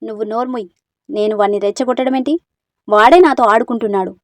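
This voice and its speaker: A woman voicing a spirited, sulky young village woman in a storybook reading, answering with sharp retorts. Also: a little high, fast talker, no room sound, close to an everyday voice. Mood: defiant.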